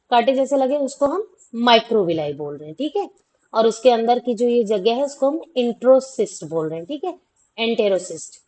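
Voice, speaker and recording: Higher-voiced woman teacher quizzing. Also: darkish tone, rough recording. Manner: repeats questions and answers them, many "theek hai" checks. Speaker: science teacher. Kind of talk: classroom explanation of a class 10 lesson.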